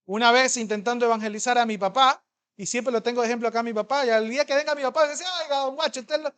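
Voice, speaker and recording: A man preaching a sermon as pastor, emphatic and conversational, swinging between loud and soft and asking the congregation questions. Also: very high-pitched, steady tone, clean tone. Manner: conversational, fast at times.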